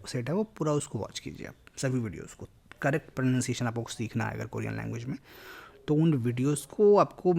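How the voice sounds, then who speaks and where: A man's voice: medium pitch, gravelly. A man teaching a language lesson, explaining grammar in a mix of Hindi and English.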